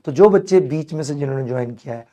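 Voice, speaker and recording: A hoarse man teaching chemistry in a live online class, playful and coaxing as he works through problems with his students. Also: on the high side, lively intonation, fast, mellow. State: hoarse, strained throat.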